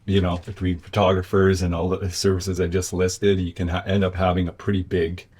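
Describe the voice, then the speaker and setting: A man's voice: low-pitched, level tone, a little fast, darkish tone, breathy edge. A man speaking as an interview guest in a reflective, conversational way, thoughtful and often searching for his words. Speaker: interview guest, business owner.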